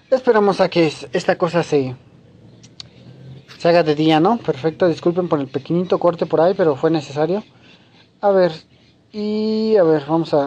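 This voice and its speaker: A man's voice: sits high, dark tone. A man giving let's play commentary, repeating short phrases and growing easily frustrated. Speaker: gamer. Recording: dull lo-fi mic.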